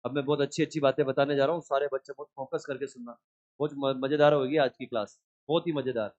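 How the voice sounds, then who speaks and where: A man teaching a biology class in a lively lecture style, often asking questions and answering them himself. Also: medium pitch, fast, muffled recording. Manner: scolds inattentive students.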